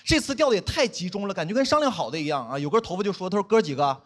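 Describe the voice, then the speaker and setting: A man's voice: high voice, very fast. A young man performing a self-mocking stand-up comedy set on stage before a live audience. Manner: animated, self-mocking punchlines.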